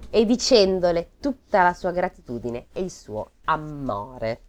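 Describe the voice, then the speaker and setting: A woman's voice: fairly low pitch, sing-song, a little slow, a little mellow. A woman reading a fairy tale aloud in a casual comic chat, breaking off for sarcastic asides.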